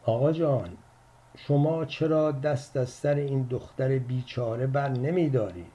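A man voicing a tired, trembling old uncle with a thick Turkish accent, pleading slowly on the phone in an audiobook story. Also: mid-range voice, dark tone, lightly acted. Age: older. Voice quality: trembling, shaky. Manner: pleading, slow and wordy.

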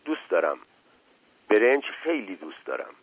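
A man's voice: fairly low pitch, sing-song, breathy edge. Man doing a weak pleading stranger. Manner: simple, pleading. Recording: tinny lo-fi radio broadcast.

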